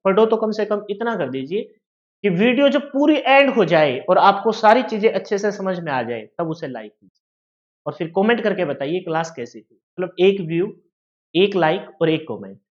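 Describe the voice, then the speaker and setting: A man's voice: high voice, animated, moderate pace, muffled recording. A man with a Haryanvi-tinged Hindi accent teaching an exam-prep maths lesson, explaining with everyday shop scenarios and asking his students questions.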